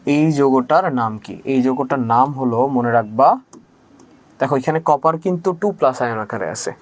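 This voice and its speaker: A man's voice: medium pitch, moderate pace. A man teaching a chemistry class on video. He chants a memory rhyme, asks questions and answers them himself, and keeps checking "okay?". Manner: casual, mixes in English words and keeps asking "ঠিক আছে?". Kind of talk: recorded video lecture.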